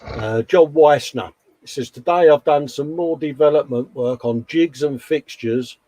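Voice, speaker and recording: A man's voice: on the high side, a little slow, warm tone, no echo. A man co-hosting a casual hobby show, reading out posts in a chummy, colloquial way, often calling people mate. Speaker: co-host of a hobby live show.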